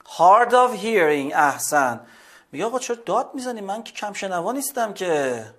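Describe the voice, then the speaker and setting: Man, teacher, high-pitched, careful slow English, quick explanations. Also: sing-song, fairly bright tone, husky. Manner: reads English slowly, explains in Persian. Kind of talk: classroom vocabulary lesson.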